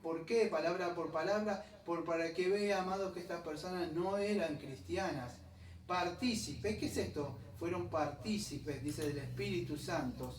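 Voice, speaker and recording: Chatty pastor. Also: male voice, a little high. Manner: chatty, digressive, explains Greek words slowly. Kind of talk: conversational sermon. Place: church hall. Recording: echoey room, distant mic, faint ambient noise.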